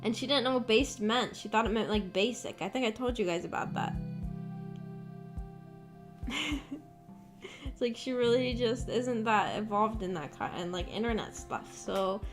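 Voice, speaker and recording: A young woman streams over music, rambling casually with lots of fillers, her voice a bit rough because she just woke up. She speaks a little high, at normal speed, with long pauses.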